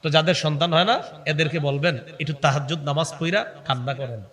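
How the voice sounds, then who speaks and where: A young man preaching an Islamic waz sermon, switching between animated explanation and slow chanted Quran recitation. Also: fairly high pitch, background noise. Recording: long hall reverb.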